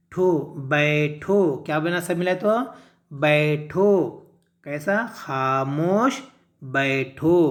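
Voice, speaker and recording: A man teaching first graders to read, slowly sounding out letters and syllables one by one and blending them into words. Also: sits high. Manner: slow, drawn-out syllable sounding for children. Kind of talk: first-grade reading lesson. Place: classroom.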